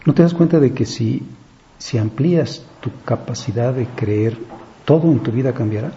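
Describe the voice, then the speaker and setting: A priest giving a reflective, conversational meditation on a gospel reading, pausing often and speaking in a gentle, searching way. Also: male voice, mid-range voice. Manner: reflective, conversational preaching with many pauses and fillers. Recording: slightly dull, faint background noise.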